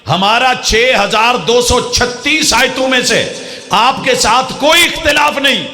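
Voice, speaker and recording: Man, middle-aged, fiery sermon, fairly high voice, dramatic swings to loud emphatic peaks. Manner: dramatic, mimics opponents' pleading then rises to loud emphatic peaks. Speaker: preacher. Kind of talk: fiery religious speech.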